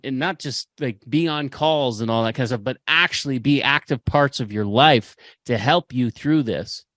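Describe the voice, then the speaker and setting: A man's voice: medium pitch, no room sound. Impassioned male podcast host, dry sound. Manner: impassioned, preachy, repeats phrases for emphasis. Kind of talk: motivational podcast talk.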